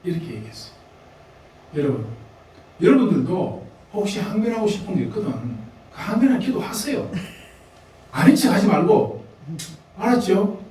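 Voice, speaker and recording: A man's voice: sits high, big pitch swings, moderate pace, pauses often, dark tone, very echoey, far from the mic, low-quality recording. A man with a Gyeongsang Korean accent preaching a sermon, talking conversationally to the congregation with laughs and asides. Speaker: pastor. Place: church sanctuary.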